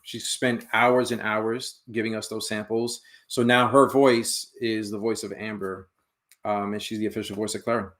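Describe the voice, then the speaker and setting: A man's voice: lowish voice, normal speed. A man guest on a podcast telling his story with animation and acting out what others said. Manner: animated storyteller who acts out quotes. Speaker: guest, founder of an AI project. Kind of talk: casual podcast interview.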